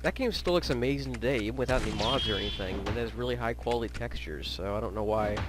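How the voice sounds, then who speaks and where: A man's voice: medium pitch, fast, noisy background. A man giving casual, blunt and sweary gameplay commentary as a let's play host. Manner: blunt, griping, profane.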